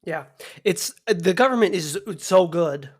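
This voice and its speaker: A woman's voice: lowish voice, animated, normal speed, a little mellow, slightly rough. A woman co-hosting a comedy podcast, riffing and joking along. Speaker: podcast co-host. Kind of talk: casual comedic chat.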